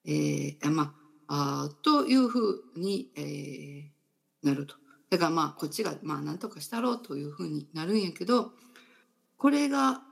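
A woman hosting a casual talk show, explaining slowly and thoughtfully with many fillers. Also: deep voice, lively intonation, creaky. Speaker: radio host.

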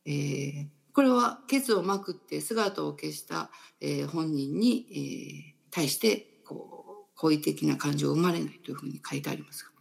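A low-pitched woman with a gravelly edge hosts a casual talk, explaining things at an easy pace. She thinks aloud with frequent fillers and restarts. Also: animated. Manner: thoughtful, explains slowly with many fillers. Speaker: radio host.

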